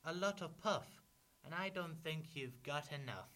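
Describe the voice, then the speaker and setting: A man's voice: a little high, unhurried, sharp tone, voice pushed up. A man voicing a small, plucky, anxious pig in a storybook verse, pleading and indignant. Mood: defiant.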